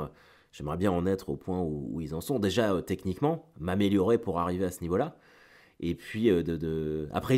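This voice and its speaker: A Frenchman with a lowish, darkish voice, slightly stuffy from a cold, hosts his solo weekly show as a stand-up comedian. He chats casually to listeners, informal and slangy, digressing and hesitating with repeated words.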